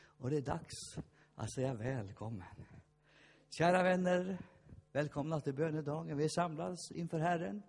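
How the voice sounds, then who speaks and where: A man with a fairly high, gravelly, slightly mellow voice preaches a fervent, lively sermon that rises to shouted peaks. He tells stories and acts out the voices in them, and the recording has a long hall reverb.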